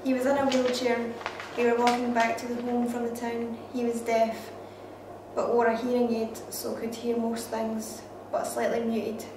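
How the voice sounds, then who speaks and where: A woman, a care worker, recounting a memory in a flat, even way. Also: on the high side, normal speed. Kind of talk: first-person story reading. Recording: very echoey, distant, noisy recording.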